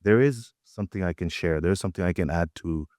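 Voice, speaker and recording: Speaking a little fast, a deep-voiced guest artist from Tanzania, a native Swahili speaker, recounts stories in a relaxed gallery interview. He sounds reflective and uses plenty of fillers, and the studio sound is clean with no echo.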